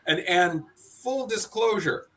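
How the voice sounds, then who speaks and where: A man's voice: high-pitched, slow, poor audio. Chatty American man hosting a podcast. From California, USA. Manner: animated, reflective, frequent restarts. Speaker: podcast host. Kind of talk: casual podcast chat.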